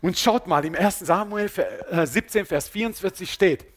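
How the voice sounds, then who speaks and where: A man preaching a sermon with repetitive phrasing, swinging between loud emphasis and low, quiet asides. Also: normal speed. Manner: often drops to a low, quiet voice.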